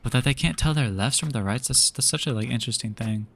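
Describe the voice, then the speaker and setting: A man's voice: mid-range voice, quick pace, creaky, a little hiss or hum. A young man streaming a game, chatting casually with viewers in a laid-back, rambling way full of fillers and restarts. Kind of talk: casual chat while gaming.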